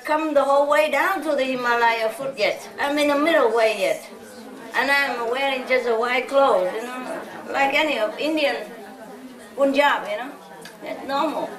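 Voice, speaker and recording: A woman from Vietnam, a spiritual teacher, giving an informal lecture and telling stories in a chatty way with many "you know?" asides. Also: high voice. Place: large hall with an audience. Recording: echoey hall from a distance with audience.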